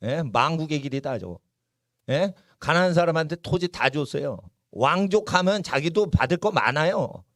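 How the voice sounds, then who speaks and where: Male pastor, fervent sermon delivery, slightly high voice, dry church recording. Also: expressive, moderate pace, fairly bright tone, dry recording. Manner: emphatic, keeps asking the crowd "예?"; chanting prayer rising in pitch. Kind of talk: fiery political sermon and prayer. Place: church service.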